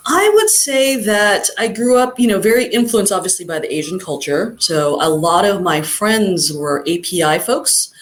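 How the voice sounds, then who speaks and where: A middle-aged guest from Southern California, talking in a casual interview in a thoughtful, rambling way with many fillers. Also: female voice, mid-range voice, expressive, moderate pace, few pauses. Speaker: guest chiropractor.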